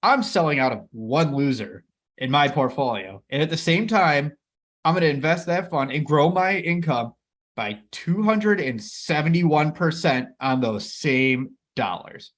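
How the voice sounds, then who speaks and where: A man's voice: on the high side, animated, measured pace, a bit bright. A man in his thirties co-hosting an investing chat, upbeat and joking as he rambles. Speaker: co-host of a dividend investing channel. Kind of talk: casual chat.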